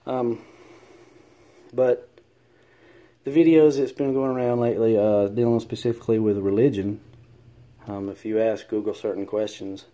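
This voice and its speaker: A man's voice: on the low side, steady tone, normal speed, long pauses, mellow. A man with a Southern US accent talking casually to camera, hesitant and earnest with many ums and uhs.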